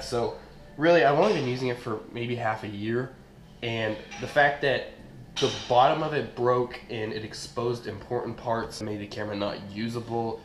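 Casual young man, echoey and noisy room. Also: fairly low pitch. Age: young adult. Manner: informal, slangy. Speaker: fitness vlogger. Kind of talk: casual vlog chat to camera. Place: home kitchens and a gym, indoors. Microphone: action camera at a short distance. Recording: roomy echo, clear background noise.

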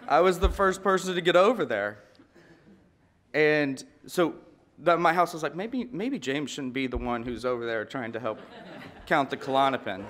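A man's voice: a little high, fairly bright tone. Earnest man speaking at a conference podium. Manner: earnest, conversational, repeats words and restarts often. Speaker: convention breakout speaker. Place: large conference hall stage. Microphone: podium microphone.

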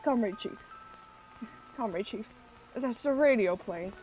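An actor voicing a flustered, panicky neighbour who stammers and exclaims. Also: female voice, a little high, animated, a little slow, muffled recording, soft background music.

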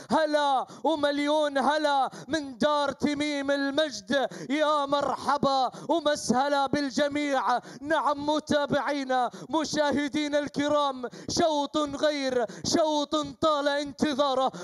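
A male commentator with a Gulf Arabic accent calls a falconry race live. His voice sits very high, and he chants names and rallying cries in repeating bursts. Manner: chanting, repetitive exclamations.

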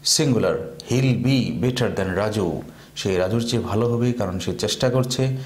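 A man with a Bangladeshi accent teaching an English grammar lesson, explaining slowly and repeating example sentences. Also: lowish voice, darkish tone, reverberant.

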